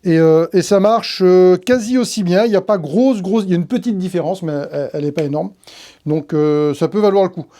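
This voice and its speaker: A tree-work professional hosts an informal hands-on tutorial, walking through each step conversationally and thinking aloud while handling his gear. His voice is high-pitched and dark in tone, moving a little fast.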